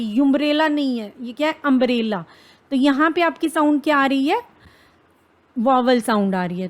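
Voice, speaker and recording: A woman with an Indian accent teaching an exam-prep grammar lesson. She asks questions and answers them herself, mixing English phrases into her explanations and reading English examples deliberately. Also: high-pitched.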